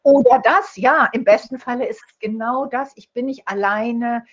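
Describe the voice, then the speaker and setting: A woman's voice: a little high, normal speed. Woman, interview guest, storytelling, acts out quotes, dull lo-fi recording. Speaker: guest, holistic dental health speaker. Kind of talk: conversational interview. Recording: dull lo-fi sound.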